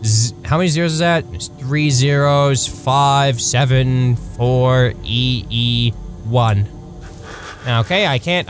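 A man streaming a video game live, reacting loudly, laughing at his own mistakes and swearing casually as he goes. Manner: excitable, jumps to high-pitched yelps when thanking subscribers. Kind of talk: live gameplay commentary.

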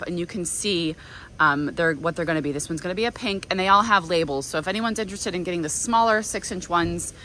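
A woman's voice: medium pitch, bright, forceful tone, slight background noise. A woman in her thirties with an American accent, chatting enthusiastically while giving a walkthrough of her greenhouse nursery. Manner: chatty and enthusiastic, many ums and restarts. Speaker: flower farmer and nursery owner. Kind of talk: casual vlog walkthrough. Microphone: handheld phone at arm's length.

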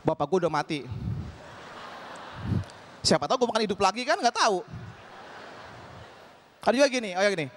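High-voiced young man doing stand-up. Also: big pitch swings, slight background noise. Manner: acts out chat partners in quick quoted voices. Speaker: stand-up comedian. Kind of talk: stand-up comedy routine. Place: stage before a live audience.

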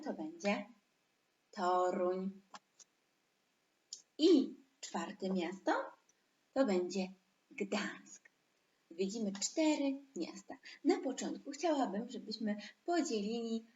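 Slow-spoken woman teaching small children. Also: medium pitch, animated, darkish tone, highs cut off, slight background noise. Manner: slow, drawn-out syllables for children to repeat. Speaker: preschool teacher. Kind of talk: online lesson for young children. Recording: echoey room.

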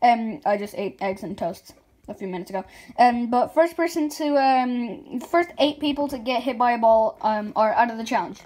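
A woman voicing all the characters of her amateur animated object show, rambling with many ums and restarts. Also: a little high, normal speed. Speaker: creator voicing every character.

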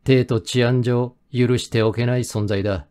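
Mellow-voiced male audiobook narrator. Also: medium pitch, steady tone, unhurried, smooth. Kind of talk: scripted first-person audiobook narration.

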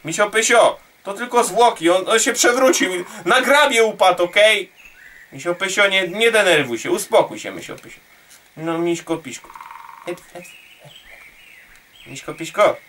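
A man commentates his own gameplay in a bright, tense voice that swoops up and down. He teases and talks to the enemies on screen and swears often. He sits a bit back from the mic, and there is faint hiss underneath. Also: high voice, animated, normal speed, far from the mic. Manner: playful, jokey, swears, talks to enemies in the game. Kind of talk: let's play commentary.

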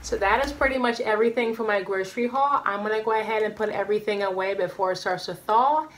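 Speaking fast at a medium pitch, a woman in her thirties runs through her meal plan and grocery list item by item in a cheery, casual home kitchen vlog. The recording is low quality, taken by a camera in front of her at medium framing.

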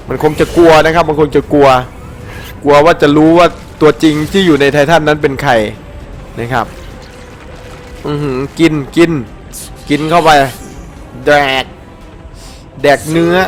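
Brief Man, fairly high voice, playful let's-play commentary full of shouts and slang, faint game music underneath. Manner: animated and playful, with frequent shouted exclamations and crude slang. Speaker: gameplay commentator.

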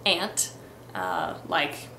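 Speaking very slowly and in a very animated way, this young woman has a low-sitting voice. She hails from Texas and Missouri, carries a light Midwestern accent, and chats casually to her webcam for an accent tag vlog, full of ums and restarts. The indoor bedroom recording sounds roomy, with background noise.

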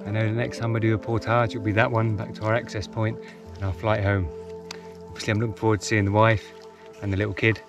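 A man's voice: fairly low pitch, fast talker, muffled recording, music in the background. A man in his forties, vlogging casually and reflectively from a canoe on a lake, chuckling now and then. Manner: relaxed, reflective, chuckles often. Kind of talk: casual outdoor vlog narration. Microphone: action camera on the boat.

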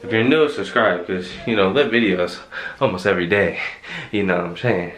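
Closing out his vlog from a small room at home, a young adult vlogger rambles in slangy, casual talk to a phone camera held at arm's length. His voice sits low with a fairly bright tone at a moderate pace, and the recording is rough.

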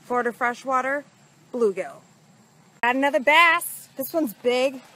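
A woman vlogging outdoors by freshwater, excitable and whooping, swearing casually as she talks about her catches. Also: high-pitched, a little slow. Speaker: fishing vlogger. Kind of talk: casual outdoor vlog commentary.

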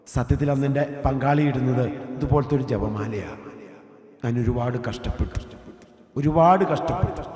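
Emotional preacher in an echoing hall. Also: male voice. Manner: swings from hushed, near-whispered lines to loud, high cries. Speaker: preacher giving testimony. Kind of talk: emotional testimony sermon. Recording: echoey hall reverb.

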